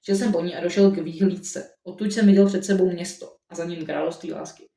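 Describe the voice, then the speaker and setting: Man, amateur first-person storybook narration, halting with restarts, fairly high voice, roomy echo. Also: steady tone, vocal fry, warm tone. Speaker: audiobook narrator. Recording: roomy echo, mic at a distance.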